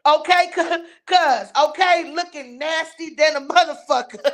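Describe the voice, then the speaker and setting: Woman, live-stream commentator, high voice, blunt profane rant, scornful, reads chat aloud. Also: a bit bright. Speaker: livestream commentator reading viewer chat.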